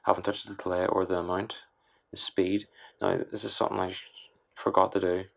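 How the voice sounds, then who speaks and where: A man with a low, gravelly voice, hoarse with a breathy rasp, talks through a software tutorial off the cuff. His delivery is halting and trails off, as if worn out late at night. The recording is dull and lo-fi. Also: level tone. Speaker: music production tutorial host. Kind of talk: casual unscripted software tutorial. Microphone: voice-over on screen recording. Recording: dull, lo-fi voice-over.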